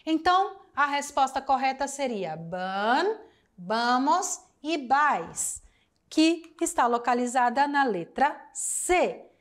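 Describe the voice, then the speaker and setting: A woman teacher walks her students through exercise answers one at a time. Her voice sits somewhat high, and she speaks slowly and carefully, repeating key points and addressing the class directly. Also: lively intonation. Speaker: Spanish teacher. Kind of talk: recorded class lesson.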